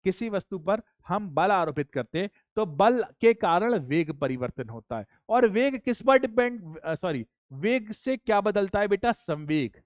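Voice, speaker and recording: Male teacher, high voice, lecture, repeats himself, dry close sound. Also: expressive, a little slow, few pauses, no room sound. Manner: repeats key points, addresses students as children. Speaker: physics teacher. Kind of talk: classroom lecture.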